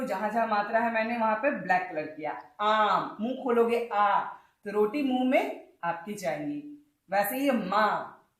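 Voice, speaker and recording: A woman teaching children, sounding out words slowly and syllable by syllable. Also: a little high, echoey room, poor audio. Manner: drawn-out, syllable-by-syllable word demonstrations. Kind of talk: Hindi lesson for children.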